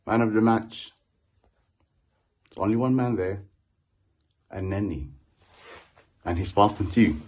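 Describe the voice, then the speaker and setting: A man's voice: fairly low pitch, takes it slowly, long pauses, darkish tone. A man giving a casual reaction as a football fan in short exclamatory phrases. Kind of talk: casual self-recorded reaction.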